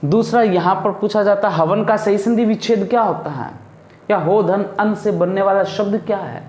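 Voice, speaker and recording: A man's voice: sits high, moderate pace, darkish tone, reverberant. A male teacher from India giving a classroom lesson, asking his pupils questions and then answering them himself. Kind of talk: classroom lesson on Hindi grammar.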